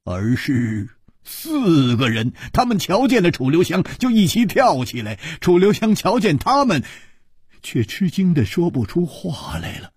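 A man narrating a martial-arts story with an animated, expressive delivery. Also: fairly high pitch, measured pace, husky, dry recording, studio quality.

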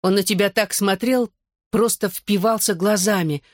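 A woman reading an audiobook, voicing an excitable, gossipy teenage girl who teases and squeals eagerly. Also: medium pitch, normal speed, dry recording, studio quality, pitched above the performer's own voice, close to an everyday voice. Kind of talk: audiobook character voice.

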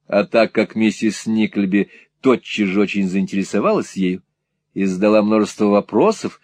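A man narrating a classic novel as an audiobook, in an expressive, wry storytelling manner. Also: fairly low pitch, normal speed, no room sound. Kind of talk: scripted narration.

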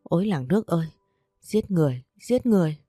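A woman's voice: lowish voice, animated, a little fast, dark tone, no room sound, studio quality, faint music behind. A woman voicing a frightened older housemaid who cries out in panic, in a storybook reading. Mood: panicked.

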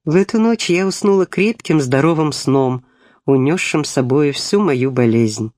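A man narrating a story from a book in a gentle, expressive reading voice. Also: a little high, moderate pace, no echo, studio quality. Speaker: audiobook reader. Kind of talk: scripted narration.

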